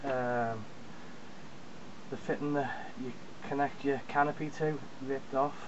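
A man's voice: mid-range voice, steady tone, takes it slowly. A man, recording a chatty, rambling video diary at arm's length on a small sailboat. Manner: chatty, rambling with many ums. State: exhausted. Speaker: solo sailor. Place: small sailboat at sea, outdoors. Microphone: camera held at arm's length. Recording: dull sound with loud wind noise. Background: wind and water noise.

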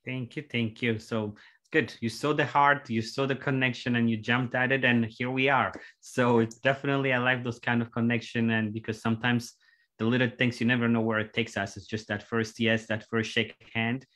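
A man's voice: mid-range voice, little pitch movement, fairly quick, a bit bright. A man hosting a talk show over a video call, thanking guests and introducing each one with a few hesitant fillers. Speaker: show host. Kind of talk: casual video-call interview.

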